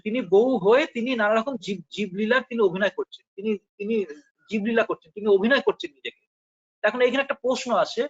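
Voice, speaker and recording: A man with a Bengali accent explaining spiritual ideas in a philosophical discussion, patiently and with rhetorical questions. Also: high-pitched. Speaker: spiritual teacher. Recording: dull lo-fi recording.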